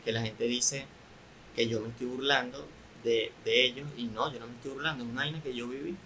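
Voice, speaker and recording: A young man with a Venezuelan accent, a content creator guest, talking candidly in a relaxed, soft-spoken way. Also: mid-range voice, a little fast, slight background noise, low-quality recording. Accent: Venezuelan Spanish. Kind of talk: casual podcast interview.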